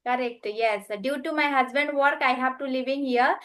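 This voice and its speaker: Speaking over a video call in a casual chat, a woman from Nepal whose first language is Nepali stumbles through English, often restarting. She's a guest learning the language. Her voice is high and fairly bright.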